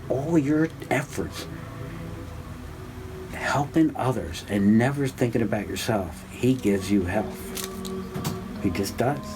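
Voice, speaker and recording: A man in his sixties giving an informal spiritual class, rambling and conversational with many fillers and restarts, climbing to a high, animated pitch when excited. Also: noisy background. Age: 60s. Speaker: spiritual teacher. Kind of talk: informal religious class talk.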